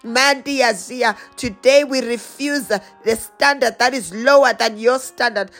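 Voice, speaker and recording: Woman prayer leader, high voice, fervent slow declarations in tongues over faint music. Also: a bit bright. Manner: slow, rhythmic, repeated declarations.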